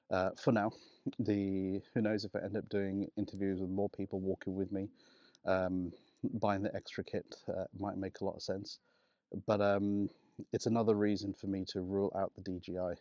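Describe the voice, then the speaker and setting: A man's voice: deep voice, mellow, dry recording, highs cut off. A man vlogging outdoors on a walk, talking casually and rambling with restarts and laughs, recorded on a clip-on wireless mic. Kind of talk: casual walking vlog.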